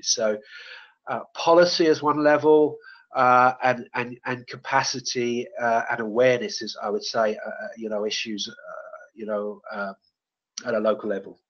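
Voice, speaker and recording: A man giving a webinar talk, speaking in a mid-pitched voice that keeps stopping on "uh" and "you know" and starting phrases over. The sound is dull and lo-fi, typical of webinar audio. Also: a bit bright. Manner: hesitant, many fillers and restarts. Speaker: webinar presenter. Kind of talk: webinar presentation and Q&A.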